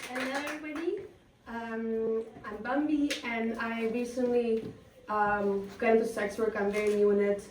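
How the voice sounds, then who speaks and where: A woman from Turkey with a slightly high voice talks haltingly to an audience, pausing on frequent ums. She is picked up from a distance in an echoey room with faint noise behind her. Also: fairly even intonation. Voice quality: hesitant, many ums. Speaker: event speaker. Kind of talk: personal talk and reading a story.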